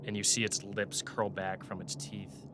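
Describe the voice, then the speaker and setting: A man's voice: fairly low pitch, completely flat delivery, moderate pace, background noise. A man narrating a tabletop game as game master in a descriptive, conversational way.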